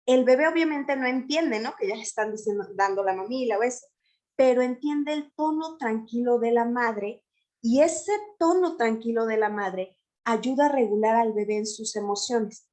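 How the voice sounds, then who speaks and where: A woman's voice: on the high side, darkish tone. A woman giving an explanatory lecture to teachers, often checking in with her listeners.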